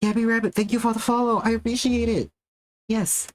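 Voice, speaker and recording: A woman's voice: a little high, level tone, quick pace, background noise. Cute, bubbly woman livestreamer. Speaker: art livestreamer. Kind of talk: casual livestream chat with viewers.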